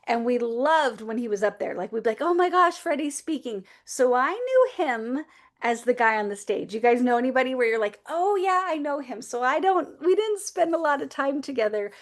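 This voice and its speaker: Woman, slightly higher voice, chatty and upbeat host, online video call. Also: very animated, moderate pace. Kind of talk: casual announcements and guest introduction.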